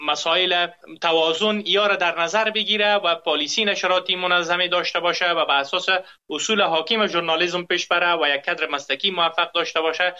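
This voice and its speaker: A man with an Afghan accent gives spontaneous, earnest interview comment in halting phrases. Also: high voice, sharp tone, clear, resonant tone. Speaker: media advocate giving comment. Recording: muffled, band-limited audio.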